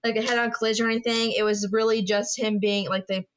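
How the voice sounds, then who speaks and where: A woman's voice: fairly high pitch, level tone, fast talker, muffled recording, a little hiss or hum. A young woman co-hosting a podcast, telling a story animatedly with lots of swearing. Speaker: podcast co-host. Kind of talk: casual chat.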